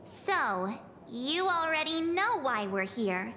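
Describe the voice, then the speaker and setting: An actress voicing an excitable young companion in a game, bouncy, dramatic and a bit whiny. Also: female voice, high voice, slow, slight background noise, heavily acted. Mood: puzzled. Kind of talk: game voice acting. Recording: game audio over loud music.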